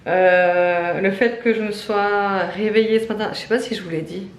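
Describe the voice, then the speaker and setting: A woman's voice: medium pitch, steady tone, moderate pace, roomy sound, slight background noise. A woman in her thirties from France, a family vlogger chatting at home to camera, full of hesitant fillers and worn out. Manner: chatty, lots of hesitant "euh" fillers, says she is tired. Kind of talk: casual chat to camera, product presentation. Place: at home, indoor room.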